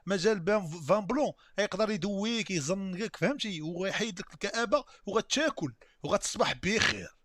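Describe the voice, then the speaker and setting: A man's voice: high-pitched, animated, brisk, a bit bright. A man with a Moroccan accent hosting a live stream, bantering and teasing a caller in casual chat.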